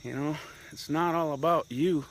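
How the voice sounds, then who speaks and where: Out walking uphill and slightly winded, a middle-aged vlogger delivers a casual, rambling, reflective monologue. His pitch is fairly high, his pace moderate, and there is slight background noise.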